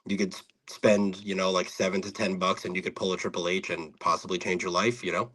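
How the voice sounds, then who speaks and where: A man's voice: low-pitched, flat delivery, brisk, fairly bright tone, husky. A man appearing as a guest on a casual chat show, laid-back and joking as he plugs his streams. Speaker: guest, card breaker.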